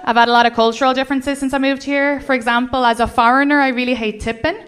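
A young woman with an Irish accent doing a stand-up comedy set, wry and deadpan with mock-outraged asides. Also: high voice, fast, clear, resonant tone. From Ireland. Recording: live club set with audience noise.

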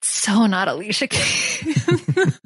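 A woman's voice: mid-range voice, sing-song, extremely slow, husky, no room sound. A female podcast co-host talks casually about a TV show in a dry, wry way, laughing easily. Her voice is close and dry, with no room sound. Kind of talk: casual chat recapping a TV show.

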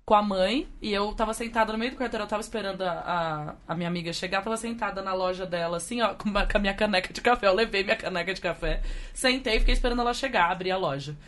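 A Brazilian woman co-hosting a podcast, telling stories in an animated way. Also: medium pitch. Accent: Brazilian Portuguese. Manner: fast, animated storytelling with acted voices. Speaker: podcast co-host. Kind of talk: casual chat.

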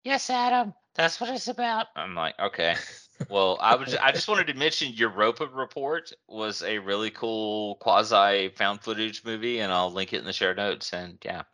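A podcast host chatting casually and quickly, often repeating "yeah". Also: mid-range voice, bright, forceful tone.

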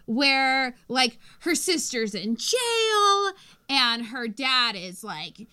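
A woman's voice: high-pitched, very animated, pushed and bright, clean tone. A woman co-hosting a comics podcast, thinking aloud in casual chat with many fillers. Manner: thoughtful, builds points slowly with fillers.

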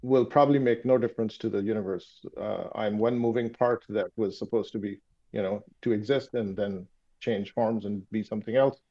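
On a muffled call, a man from Pakistan, a native Urdu speaker, muses philosophically as an interviewee, his casual speech halting and packed with fillers. His lowish voice is steady and mellow.

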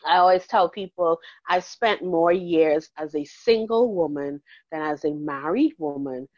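A Bahamian woman in her forties, a counselor talking warmly and chattily in an interview, laughing easily. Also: deep voice, a little slow, no room sound, dull audio. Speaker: counselor and guest. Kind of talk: casual interview conversation.

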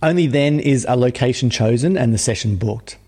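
Host: man, dark mellow tone, measured and earnest, reverb tail. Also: medium pitch, slightly rough. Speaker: podcast host. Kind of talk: interviewing, scripted intro.

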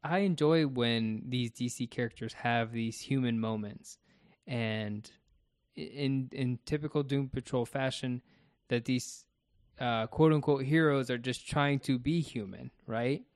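A man's voice: mid-range voice, a little slow, no echo, studio quality. A man co-hosting a casual podcast, talking through his thoughts about a TV episode one step at a time. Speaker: podcast co-host.

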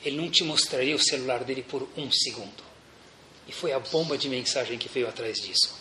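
A man's voice: medium pitch, a little fast. A man giving a religious lecture as a rabbi, telling anecdotes and speaking straight to his audience. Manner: animated, anecdotal, addresses audience directly. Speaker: rabbi teaching a Torah class. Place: room with a seated audience. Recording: echoey room.

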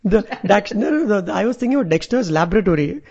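A man's voice: high-pitched, expressive, fast talker, vocal fry, a crowd in the background. A man with a North Indian accent chatting casually as a co-host, telling things in a jokey way. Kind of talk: casual conversational chat. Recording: slightly dull, lo-fi audio.

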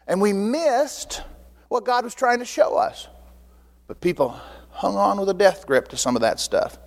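A man preaching a sermon as pastor, in an animated, conversational way full of rhetorical questions. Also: high voice, measured pace. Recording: long hall reverb.

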